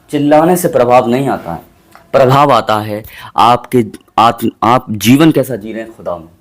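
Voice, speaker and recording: A pastor preaching, repeating his points with restarts and exclamations. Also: medium pitch. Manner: preachy, repeats lines with many restarts and hallelujahs. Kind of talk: sermon.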